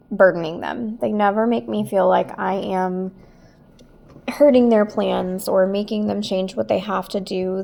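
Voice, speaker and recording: A woman's voice: medium pitch, vocal fry, darkish tone. A woman hosting a personal podcast, talking earnestly and emotionally about her own life. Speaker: podcast host.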